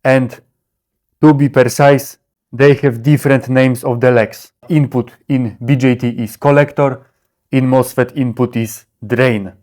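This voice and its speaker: This electronics presenter keeps his explainer simple, speaking in short, caveman-like broken phrases without little words and checking "okay?" often. He sounds steady, unhurried, and slightly mellow at a medium pitch.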